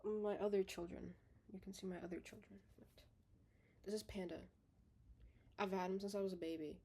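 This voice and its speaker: A young woman in her own bedroom, rambling in a casual, unedited video diary. She is out of breath, swears casually, corrects herself often and lets her sentences trail off softly. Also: mid-range voice, steady tone, moderate pace, breathy edge. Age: young adult. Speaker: vlogger.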